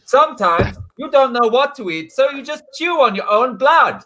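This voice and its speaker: A man's voice: very high voice, animated, moderate pace, pushed and bright, slight background noise, full character voice. A man playing an eccentric foreign sous chef in broken English, presenting on a spoof shopping channel. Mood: proud, relishing.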